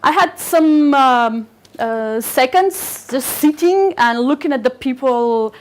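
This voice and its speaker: Slow and high-voiced, with lively intonation, a woman in her 40s tells a personal story at an event. A native Turkish speaker from Bulgaria, she stumbles and restarts, fills pauses often, and laughs a lot.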